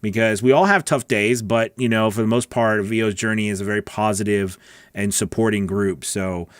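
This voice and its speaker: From a small home recording studio, a middle-aged coach hosting a livestream chats casually and directly as he answers questions into a close broadcast mic on a boom arm. His voice is fairly low and steady, at a moderate pace, with no echo.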